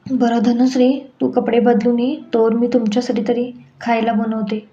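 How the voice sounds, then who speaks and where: A woman playing a worried, secretive aunt in an audio story, talking in a hushed voice. The tone is mellow and even, heard in an echoey room with dull sound and faint music. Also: fairly high pitch, normal speed, lightly acted. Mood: hushed worry.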